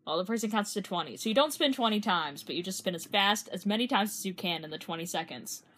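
A woman chatting casually with friends, telling a story with lively quoted voices and frequent laughs. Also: medium pitch, fast talker. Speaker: friend recounting a trip. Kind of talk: casual chat.

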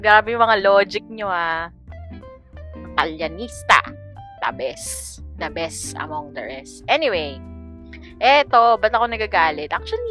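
A woman's voice: mid-range voice, a bit bright. A talkative woman from the Philippines hosts her own podcast in a loose, conversational tone. She rants with exasperated energy, jumping between thoughts as if talking to friends, with faint music under her voice. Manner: chatty, exasperated ranting. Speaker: podcast host. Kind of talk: casual podcast chat in Taglish.

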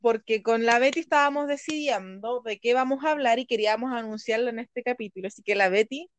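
A Chilean woman co-hosting a podcast in casual chat, excitable and teasing, laughing often. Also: on the high side, fairly quick, slight background noise. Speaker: podcast co-host.

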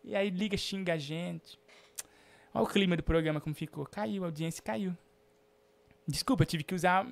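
A man hosting a comedic live stream, joking with callers and swinging between murmured asides and theatrical shouting. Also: sits high, moderate pace, creaky, long pauses.

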